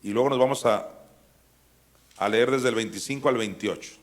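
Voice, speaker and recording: A mid-pitched man teaching scripture verse by verse. He keeps it conversational, puts questions to his listeners, then pushes his voice up into emphatic peaks. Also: normal speed. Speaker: apostle teaching a Bible school.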